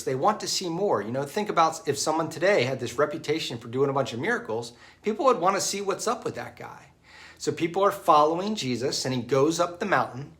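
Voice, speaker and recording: A man gives a homily on a gospel passage in a relaxed, conversational way, reaching for everyday examples and checking in with a quick "right?". His voice sits a little on the high side. When he reads scripture, his delivery drops and grows quieter. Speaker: preacher.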